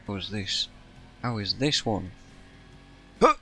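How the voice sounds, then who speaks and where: Deep gravelly sarcastic gamer man. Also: measured pace, soft background music. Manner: sarcastic, excitable, swears when frustrated. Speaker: gaming YouTuber. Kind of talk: casual gameplay commentary.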